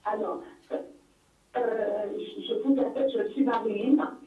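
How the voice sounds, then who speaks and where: Woman caller, earnest and halting, thin phone-line sound, roomy and distant. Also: a little high, steady tone. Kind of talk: call-in radio chat. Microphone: telephone. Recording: echoey tinny phone line from far off.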